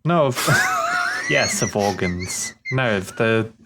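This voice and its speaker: A man's voice: lowish voice, very animated, slow pace, shouting. A man chatting casually on a game stream, hesitant and searching for words. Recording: noisy mic line.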